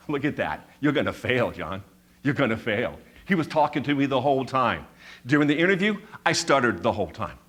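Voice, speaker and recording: On stage, a man in his fifties shares a personal story, his stutter repeating sounds and whole words as he drives each point home with measured, emphatic repetition. His mid-range voice carries a slight brightness.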